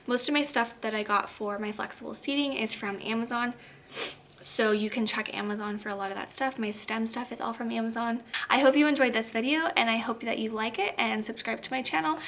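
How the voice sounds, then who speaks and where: A young woman teacher chats her way through a classroom tour, rambling and full of filler words as she walks the room with her camera. Her voice sits a little high with a gravelly fry at the ends of phrases, and she sounds slightly out of breath from moving around. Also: steady tone, a little fast, a bit bright, a little hiss or hum. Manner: chatty, rambling, many "like" fillers. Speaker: teacher and vlogger. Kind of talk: casual classroom tour vlog. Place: classroom, indoors.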